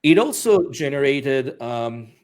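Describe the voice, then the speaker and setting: A man's voice: medium pitch, sing-song, slow, a little mellow. A man speaking as an interview guest, talking casually with many restarts and fillers and laughing often. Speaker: interview guest, author and musician.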